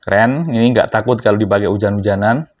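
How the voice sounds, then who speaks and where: A fairly low-pitched man talks quickly with a mostly even intonation. The recording is dull and lo-fi, like a homemade review video, where he chats informally with viewers and walks through a casual unboxing and product demo step by step as a product reviewer and vlogger.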